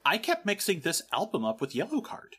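A woman's voice: on the low side, huge pitch swings, fairly quick, fairly bright tone, breathy edge. A woman co-hosting a casual podcast, chatty and self-deprecating. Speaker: podcast co-host.

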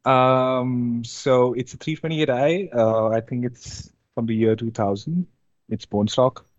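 A young man from India, chatting casually as an interview guest, relaxed and hesitant with many fillers. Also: mid-range voice, slow pace, dry recording, muffled recording. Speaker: interview guest, amateur drifter.

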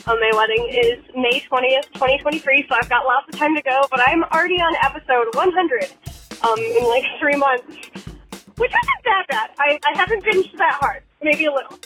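A woman's voice: sits high, lively intonation, moderate pace, sharp tone, faint music behind, low-quality recording. A woman leaving a chatty, rambling voicemail message, recorded on a car phone and played back.

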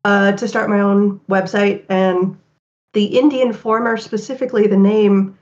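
A woman who writes about games, talking quickly and animatedly as a podcast guest, with fillers. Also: mid-range voice, little pitch movement, a little mellow, highs cut off. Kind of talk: casual interview chat.

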